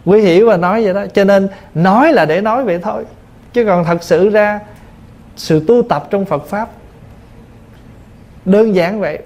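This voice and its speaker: A man's voice: sits high, a little mellow. A male Buddhist monk teacher giving a dharma talk, explaining patiently through simple everyday examples. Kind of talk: dharma talk answering questions.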